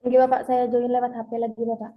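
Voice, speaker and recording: Young woman student, polite and deferential, kinda high and flat, muffled lo-fi laptop sound. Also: fast. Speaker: student in a thesis exam. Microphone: laptop on a video call.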